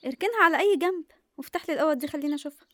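An actress playing a lively, sardonic young Egyptian woman, a self-reliant photographer in a radio drama. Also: high-pitched, very fast. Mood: brisk, practical.

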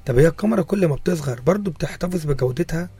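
Male radio host, Egyptian Arabic accent, very quick casual interviewing, slightly rough voice. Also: a little high, animated, dark tone, no room sound.

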